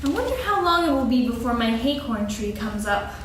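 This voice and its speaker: A woman's voice: fairly high pitch, expressive, fairly quick, close to an everyday voice. A woman playing a small, timid, kindly piglet with a childlike, polite manner in a staged children's story. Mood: wondering. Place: on stage, seated reading. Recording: echoey hall, far mic, faint noise.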